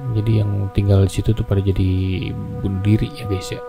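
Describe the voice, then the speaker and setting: Guy reading scary stories, kinda low n gravelly, chatty, music behind him. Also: level tone, fairly quick. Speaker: host reading horror stories. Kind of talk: casual horror storytelling, reading aloud with asides. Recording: music bed under the voice. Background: background music.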